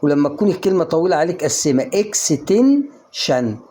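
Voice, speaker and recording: A man's voice: a little high, fast, warm tone, a little hiss or hum. An Egyptian man teaching English pronunciation in a casual online lesson, coaxing the viewer with questions he answers himself. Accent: Egyptian Arabic.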